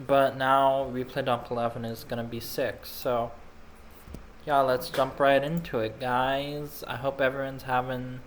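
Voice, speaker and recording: Laid-back slow-talking man casting game replays. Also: mid-range voice, a little hiss or hum. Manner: rambling, laid-back, snacking while talking. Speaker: video game replay caster. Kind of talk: casual gameplay commentary.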